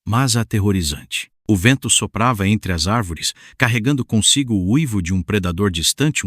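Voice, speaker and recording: A man narrates a scripted horror tale with measured, solemn pacing. His voice sits low, recorded close with no room sound. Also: a bit bright, no echo.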